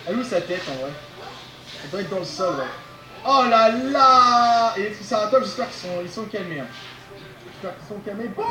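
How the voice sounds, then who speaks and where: A man giving excited commentary on a video game he is playing, talking straight to his viewers, often shouting and laughing. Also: high-pitched, roomy sound, background noise. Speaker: gaming video host.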